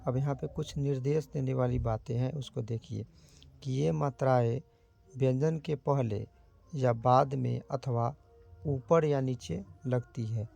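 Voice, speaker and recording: A man teaching Hindi grammar, sounding out letters slowly and asking himself rhetorical questions to the viewer. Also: mid-range voice, vocal fry, warm tone, faint music behind. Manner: slow, careful sounding out of letters. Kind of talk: explaining grammar lesson.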